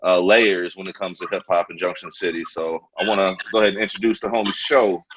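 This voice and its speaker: A man from Kansas hosts a relaxed interview over a video call. His voice sits very low, and he keeps it loose and slangy with plenty of "uh"s. The sound is a little dull and lo-fi. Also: fast, slight background noise. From Kansas, American Midwest. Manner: laid-back, slangy, with frequent fillers. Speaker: host.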